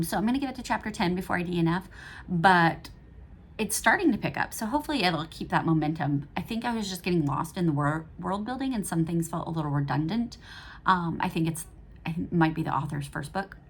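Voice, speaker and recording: A woman's voice: fairly low pitch, breathy edge. A woman giving a casual monthly reading wrap-up as a book reviewer, rambling and chatty, with many fillers and self-corrections.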